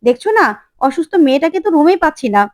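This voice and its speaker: A woman's voice: sits high, expressive, rapid-fire, a little mellow, no echo. A woman voicing a scolding old great-aunt. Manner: scolding, insistent. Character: stern elderly great-aunt, strict about customs.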